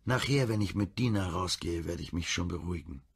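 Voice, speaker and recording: A weary, bitter husband in his mid-forties, as the male narrator plays him. His voice is very low and creaky. It sounds rough and husky. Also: a little fast, exaggerated voice. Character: 45-year-old man, drinking, grieving husband.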